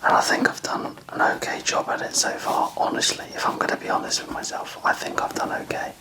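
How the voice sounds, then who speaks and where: A person whispering a casual, self-deprecating ASMR ramble in a breathy, unvoiced voice, musing in a chatty way. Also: fairly quick. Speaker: ASMR video creator.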